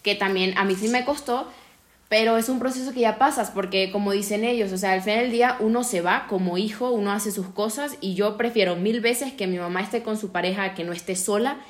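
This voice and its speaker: A woman's voice: mid-range voice, a little fast. A young woman with a Mexican accent, a daughter co-hosting a casual family podcast, talking in a chatty way full of fillers and slang. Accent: Mexican Spanish. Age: young adult.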